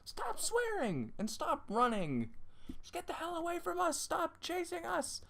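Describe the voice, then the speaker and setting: Reader doing a shrill bratty fleeing kid. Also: sing-song, unhurried, vocal fry, a bit bright, heavily acted. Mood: defiant yelling. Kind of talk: hobby webcomic reading.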